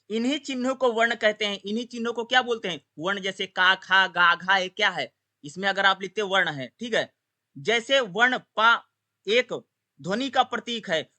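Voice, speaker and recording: A man with a high, very bright, ringing voice gives a classroom-style lecture. He keeps asking a question and answering it himself, circling back over each point with checks like "okay". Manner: repetitive, asks rhetorical questions then answers them. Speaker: teacher. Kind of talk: explanatory Hindi lecture.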